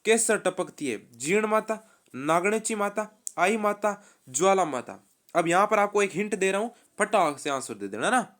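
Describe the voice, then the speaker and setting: A man teaching a live online exam-prep quiz class, reading options and repeating answers in a brisk, quizzing manner. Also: high-pitched, very animated, a bit bright.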